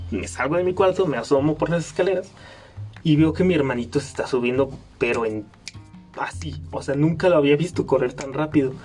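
A young man with a Mexican accent, his voice a bit higher than most and soft in tone. He chats casually as a podcast host, laughing often between fillers. Faint music plays underneath. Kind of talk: casual storytelling.

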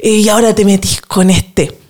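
A Chilean woman hosting a casual podcast chat, retelling a film with animated, laughing asides and acted-out quotes. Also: mid-range voice, moderate pace. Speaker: podcast host.

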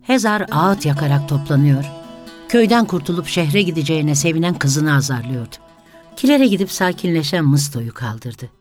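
A reader narrating a village story in a calm, even storytelling manner. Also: mid-range voice, normal speed, faint music behind.

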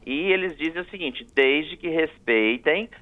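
A man's voice: fairly high pitch, animated, a little slow. A man, a guest on a radio talk show, giving firm, repetitive explanations of travel rules. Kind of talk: radio interview. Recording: tinny phone line on radio.

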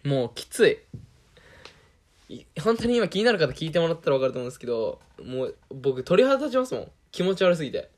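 A man's voice: on the high side, big pitch swings, fast talker. A young man with a Kansai Japanese accent, talking in a casual, self-deprecating monologue and laughing often.

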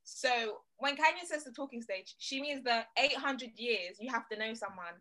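A young woman with a British accent talks in a fairly high, bright and forceful voice. She is casual but emphatic, repeating phrases to drive her point home. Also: moderate pace, poor audio. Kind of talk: casual group discussion.

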